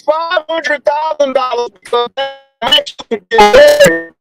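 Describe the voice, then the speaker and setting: A man, a farmer, calling into a discussion over a phone line that keeps breaking up, talking haltingly with many restarts. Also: extremely high pitch, wildly swooping pitch, vocal fry, loud music behind the voice. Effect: breaking-up bad phone connection. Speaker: farmer guest. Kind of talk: casual call-in discussion. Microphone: phone on a video call.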